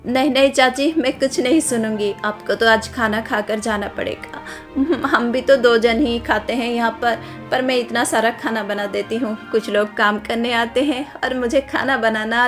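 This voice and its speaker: A woman's voice: on the high side, lightly acted. A woman voicing a hardworking young village wife in a cartoon story, eager, affectionate and insistent.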